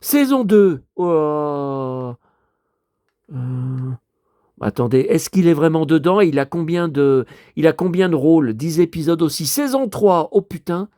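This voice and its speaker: Man, casual vlog chat to viewers, slow delivery, rambling, mild swearing, dry sound. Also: a little high, expressive, warm tone, dry recording. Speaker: vlogger.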